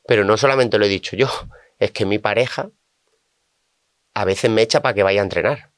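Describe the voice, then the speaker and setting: A man speaking as a guest on a podcast, a sports coach from Spain who tells stories and acts out his clients' words in lively asides. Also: on the low side, brisk, no room sound, clean studio sound. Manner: animated, quotes clients in asides. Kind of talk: conversational storytelling.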